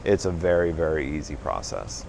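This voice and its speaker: A middle-aged man with a low voice explains a mailing operation step by step, speaking eagerly on a lapel mic. He stands in a large warehouse with faint machine noise around him. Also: sing-song, normal speed, creaky, a little mellow. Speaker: print and mail manager. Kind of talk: guided tour, explaining machines. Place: large warehouse and print floor indoors.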